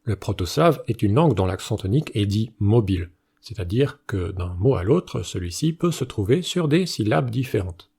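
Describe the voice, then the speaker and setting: Man, scripted educational narration, measured explanatory delivery, lively pitch, mellow dark tone. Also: gravelly, breathy edge. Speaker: channel host.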